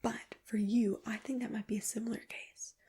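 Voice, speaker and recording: A woman doing a whispered role-play as an ear examiner, speaking in a breathy, gentle, reassuring whisper with close personal attention. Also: a little high, little pitch movement, normal speed. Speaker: ASMR performer playing an ear examiner.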